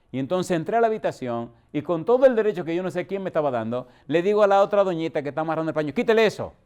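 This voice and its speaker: A man's voice: a little high, a little mellow. Dramatic Spanish-speaking preacher man. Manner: dramatic, rhetorical questions, acts out dialogue. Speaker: pastor. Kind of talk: storytelling sermon.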